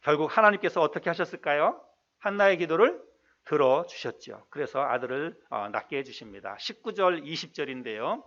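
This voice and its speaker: Pastor guy preaching, pretty high voice, chatty with lots of questions, muffled lo-fi sound. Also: animated, fairly bright tone. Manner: conversational preaching with rhetorical questions; reads scripture slowly and deliberately. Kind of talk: sermon.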